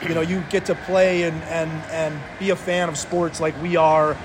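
A male sports show co-host with a high voice talks casually and haltingly, often repeating himself. Clear urban outdoor noise runs behind him. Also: level tone.

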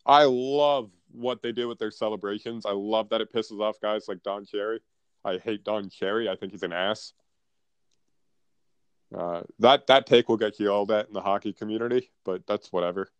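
A man's voice: lowish voice, fairly even intonation, moderate pace, clear, resonant tone, no echo, lo-fi sound. Blunt, profane North American frat-bro sports guy. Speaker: sports podcast co-host. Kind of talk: casual sports chat.

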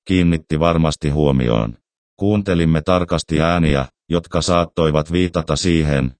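A man reading a scary story aloud as narrator, in a steady, measured, somber way. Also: a bass voice, no echo. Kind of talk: scripted horror story narration.

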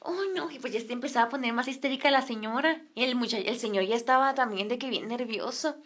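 Young Mexican woman, casual storyteller, high and bright. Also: quick pace. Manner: animated, acts out quotes. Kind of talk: casual anecdote.

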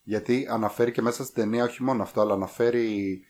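A man's voice: fairly low pitch, steady tone, darkish tone. Rambling man chatting about films. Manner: rambling, drops in many hesitations. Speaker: podcast co-host. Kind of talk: casual film review chat.

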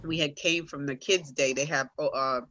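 A woman guest on a podcast telling a personal story with animated, dramatic delivery. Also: low voice, normal speed, no room sound, dull audio. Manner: animated, dramatic voices for herself in quotes.

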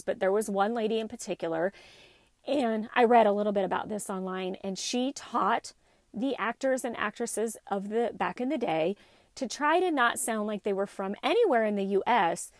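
Chatty woman host with a gravelly edge. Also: mid-range voice, a little mellow, dry recording. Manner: chatty, rambling, with frequent restarts and fillers. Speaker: podcast host; teacher. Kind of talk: casual solo podcast talk.

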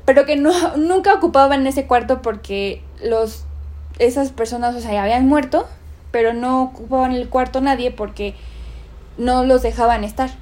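Young woman telling a spooky story, animated, fillers everywhere, slightly high voice. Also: normal speed. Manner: animated, acts out quoted voices, many fillers. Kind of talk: casual chat, telling a ghost story.

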